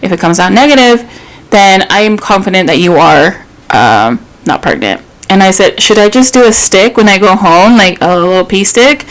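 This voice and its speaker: A woman's voice: mid-range voice, expressive, normal speed, poor audio. Candid woman in her thirties, swearing freely. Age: 30s. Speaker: podcast co-host. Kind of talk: casual chat.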